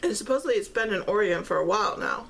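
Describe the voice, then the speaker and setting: A woman chatting casually while eating, chewing as she talks and pausing often between phrases. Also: mid-range voice, lively intonation, vocal fry, fairly bright tone, slight background noise. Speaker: vlogger eating on camera while talking. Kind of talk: casual mukbang-style chat.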